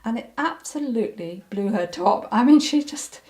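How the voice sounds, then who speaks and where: Mellow-voiced older woman recalling, hesitant. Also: a little high, lively intonation, moderate pace. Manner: hesitant, many ums and restarts, breaks into laughter. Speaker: interviewee. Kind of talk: reflective personal recollection.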